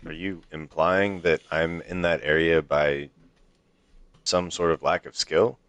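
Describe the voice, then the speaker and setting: A man's voice: extremely low pitch, steady tone, a little slow, a bit bright, dry recording, highs cut off. A young man in casual gaming chat over a headset, needling his friends with profane trash talk. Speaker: online league player.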